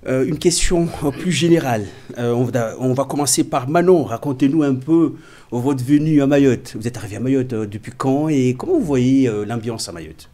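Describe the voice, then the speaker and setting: Man, radio host, mid pitch, hesitant, formal. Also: normal speed, warm tone. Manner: frequent hesitations, formal address.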